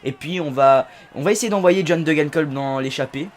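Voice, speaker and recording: A man hosting a casual let's-play video, chatty and excitable, with sudden loud outbursts between low asides. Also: brisk, a little hiss or hum. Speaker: gaming video host.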